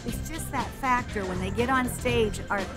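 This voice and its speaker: A woman pageant judge explaining what she looks for, in a measured interview manner. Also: a little high, over loud music.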